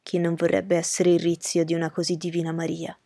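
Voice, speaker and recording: A woman reading aloud and voicing a brooding gentleman of the manor who answers with slow, courteous irony. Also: on the low side, completely flat delivery, vocal fry, no room sound, studio quality, pitched below the performer's own voice. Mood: ironic. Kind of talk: audiobook character reading.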